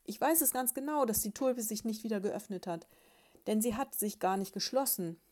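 Woman doing a worn-out sleepy beetle guy, murmuring half-whispered, slow and mellow. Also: lowish voice, close to an everyday voice. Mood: shouting.

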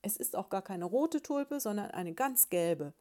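Woman voicing a drowsy, exhausted male beetle in a storybook, murmuring slowly. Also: lowish voice, darkish tone, natural voice. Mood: shouting. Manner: drowsy, murmured, half-whispered answers. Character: sleepy, worn-out husband beetle, male.

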